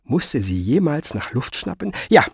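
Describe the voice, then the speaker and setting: A man narrating a novel as an audiobook, telling it in a lively, expressive way. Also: medium pitch, normal speed, dry recording, clean studio sound. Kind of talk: scripted narration.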